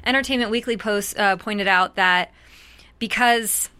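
A woman's voice: medium pitch, a little slow, bright, forceful tone, clear, resonant tone. A young woman co-hosting a casual TV recap chat, chatty and thinking aloud as she goes. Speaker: co-host.

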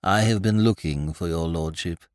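A man voicing a formal, deferential butler who speaks low and quietly. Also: moderate pace, dry recording, clean studio sound, close to an everyday voice. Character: deferential, stiff male butler.

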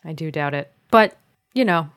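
A woman's voice: deep voice, animated, normal speed, no room sound, clean studio sound. A woman co-hosting a podcast, chatting about films in a playful, teasing way and laughing often. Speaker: podcast co-host. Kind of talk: casual chat about films.

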